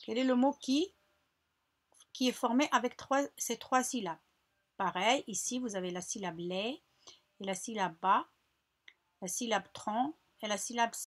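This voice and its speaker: A woman teacher with a fairly high, husky voice talks children through a workbook lesson. She goes slowly and patiently, repeating words and breaking them into syllables. The tone is that of a recorded classroom walkthrough. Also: a bit bright. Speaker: primary school teacher.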